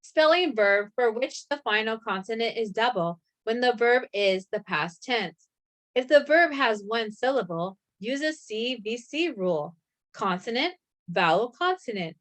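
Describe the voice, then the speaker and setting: Woman, higher voice, reads a grammar lesson in a measured, even way. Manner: reads slowly and evenly, spelling out letters. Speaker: grammar instructor. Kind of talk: scripted lesson narration.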